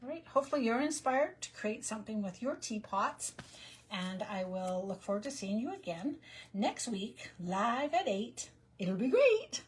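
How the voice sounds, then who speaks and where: A woman's voice: a little high, lively intonation, normal speed, husky. A middle-aged woman hosting a live card-making tutorial, chatting casually and joking at herself as she works. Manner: chatty, self-deprecating, thinks aloud. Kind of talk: casual live crafting demo.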